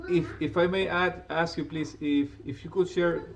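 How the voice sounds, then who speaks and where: A man hosting a podcast interview from his home, speaking haltingly with many restarts, over a remote call. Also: on the high side, fairly even intonation, vocal fry. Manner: halting, restarts often, warm praise. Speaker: podcast host. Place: home with family nearby. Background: faint household sounds.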